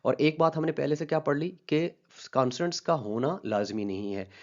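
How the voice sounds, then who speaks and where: A man teaching phonetics in a slow, repetitive lecture full of "uh" fillers and rhetorical questions. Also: a little high, muffled recording. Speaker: linguistics teacher. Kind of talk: explanatory lecture.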